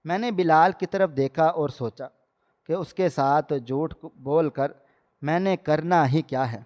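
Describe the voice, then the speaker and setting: A man reading a dramatic first-person story in a steady storytelling manner. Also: a little high. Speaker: narrator. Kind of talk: scripted story narration. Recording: long hall reverb.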